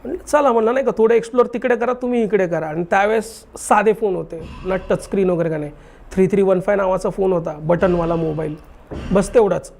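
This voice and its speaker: A man's voice: high-pitched, fast, gravelly. A young man telling a haunted story in casual chat, acting out the dialogue animatedly. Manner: animated, acts out dialogue in his retelling. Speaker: guest telling a true ghost story.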